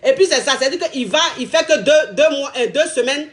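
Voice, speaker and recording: Woman, high-pitched, chatty, repeats phrases, casual advice monologue. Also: expressive, a little fast. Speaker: relationship advice vlogger.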